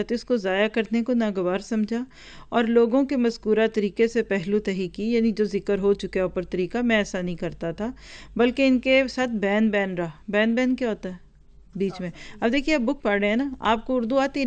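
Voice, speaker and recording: A female religious teacher gives a lesson in which she reads from a book, explains what it says and addresses her listeners directly. Her medium-pitched voice sounds a little mellow and clean.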